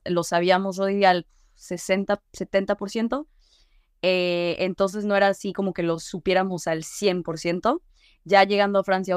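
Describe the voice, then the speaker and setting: A young woman, a guest chatting in a relaxed way, full of fillers. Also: on the low side, clean tone, dry recording, clean studio sound. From Mexico. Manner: relaxed, with many fillers like "eh" and "como que". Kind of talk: casual interview conversation.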